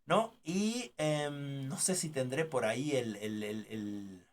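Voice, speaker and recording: A man with a Mexican Spanish accent leads a graduate research session over a video call. He talks in a loose, conversational way, keeps checking in with tag questions and fills pauses with little hesitations. The sound is an ordinary computer microphone in a home setting. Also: medium pitch. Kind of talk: online class, telling a personal anecdote. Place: home, remote online class. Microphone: computer mic on a video call.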